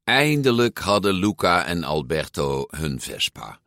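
A man's voice: low voice, sing-song, measured pace, vocal fry, a bit bright, no room sound, studio quality. Een man die expressief een verhalenboek voorleest. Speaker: narrator. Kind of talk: storybook narration.

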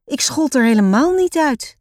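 A woman voicing a schoolgirl, the eldest sister, who is playful and stubborn and speaks in a bright, lilting way. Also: medium pitch, very animated, moderate pace, dry recording, clean studio sound.

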